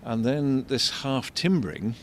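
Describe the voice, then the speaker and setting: An older man giving unscripted commentary as an architect and local guide, discursive and explanatory, halting and repeating words. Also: animated. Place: outdoors in a shopping street. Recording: vehicle rumble, street noise. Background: faint street traffic rumble.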